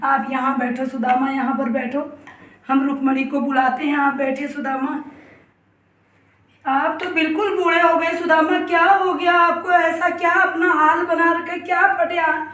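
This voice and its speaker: A woman's voice: high voice, little pitch movement, normal speed, a bit bright, far from the mic. A woman playing the god Krishna, an emotional, coaxing young man who keeps calling out to his old friend. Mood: pleading. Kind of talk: devotional story enactment. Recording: roomy, voice from afar.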